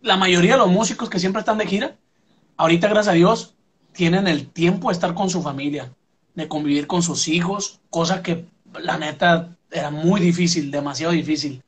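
A man's voice: fairly high pitch, normal speed. A young Mexican man, a musician, telling his story in a casual interview, full of fillers and "pum" sound effects.

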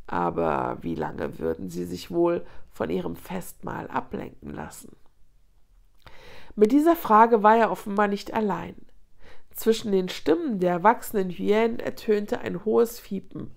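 A woman reading a children's storybook aloud in an expressive, dramatic way. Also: medium pitch, vocal fry. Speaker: children's book reader.

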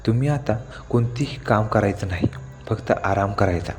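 A man's voice: on the low side, moderate pace, long reverb tail, soft background music, natural voice. A man putting on a sly young ghost woman. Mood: sweet. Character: mysterious beautiful young female ghost.

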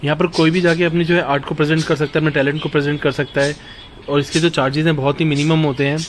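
Talking rapid-fire in a level, fairly high voice, a travel vlogger in his thirties from India tours an old fort and the surrounding town streets outdoors. He blends English words into his Hindi chat and records on a phone at arm's length. A faint hiss or hum is present.

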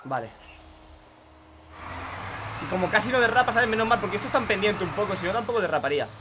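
Exasperated young Spanish gamer, high lively voice. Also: male voice, fast, noisy background. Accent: Spain Spanish. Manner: exasperated, swears a lot, talks to viewers. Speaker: gaming youtuber. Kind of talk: live gameplay commentary.

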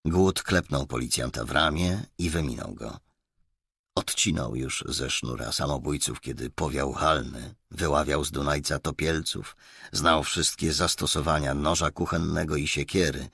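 A man narrating a crime audiobook in an expressive storytelling way. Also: extremely low pitch, normal speed, creaky, husky, no echo, clean studio sound. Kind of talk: scripted narration.

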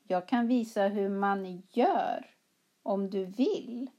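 A woman teaching a language class, reading both parts of a practice dialogue slowly and clearly with careful articulation. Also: mid-range voice, warm tone. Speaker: Swedish teacher.

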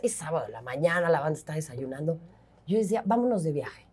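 A woman's voice: low-pitched, expressive, fast, a little mellow, slightly rough. A woman with a Mexican accent, a football analyst speaking frankly and animatedly in a casual interview, swearing casually.

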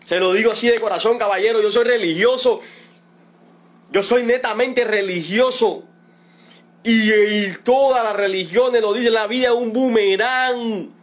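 A middle-aged Cuban man, a father of a detained protester, making an emotional, indignant and repetitive appeal in a livestream. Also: sits high. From Cuba. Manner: pleading, indignant, repetitive, drawn-out emphasis.

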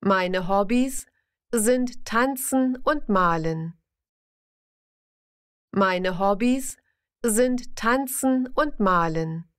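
For a language lesson, a woman with a medium-pitched voice reads simple example sentences slowly, saying every word carefully and repeating each sentence. Her delivery is careful, evenly paced, and clearly enunciated.

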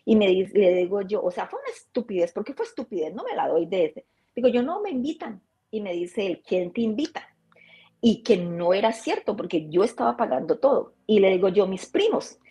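Woman guest chatting, warm mellow voice, acts out all the dialogue in her stories. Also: medium pitch, animated, brisk, slightly rough. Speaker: interview guest. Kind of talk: casual storytelling.

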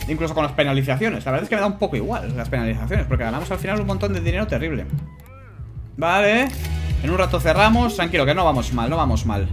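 A man with a Spanish accent giving casual, animated commentary on a video game as he plays, swearing and shouting at his own mistakes. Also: fairly high pitch, fast. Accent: Spanish from Spain. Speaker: gameplay YouTuber. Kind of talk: casual let's-play commentary. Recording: music playing behind.

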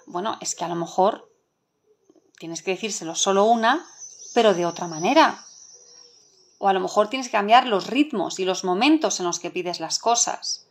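A woman's voice: medium pitch, moderate pace, pauses often, a little hiss or hum. A middle-aged woman with a Spain Spanish accent teaching a live online masterclass for parents. She talks in an earnest, emphatic way and asks many rhetorical questions. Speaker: parenting educator.

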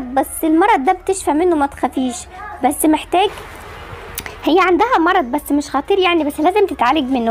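A woman voicing a calm female doctor who speaks in a formal, matter-of-fact way, with an Egyptian accent. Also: high voice, slight background noise. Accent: Egyptian Arabic.

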